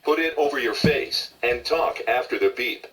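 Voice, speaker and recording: A man voicing a menacing helmeted villain as a toy's demo, his deep voice run through a voice-changer filter and played from a small speaker. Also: normal speed. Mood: ominous. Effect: deep voice-changer filter, played from a toy helmet speaker. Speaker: toy demo announcer. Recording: distant toy speaker with loud noise.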